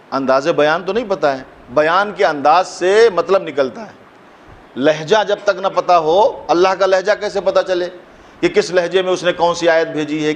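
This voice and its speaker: A man, a cleric giving an impassioned mourning sermon at a mosque gathering, who asks rhetorical questions and rises into a fervent recited couplet. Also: on the high side.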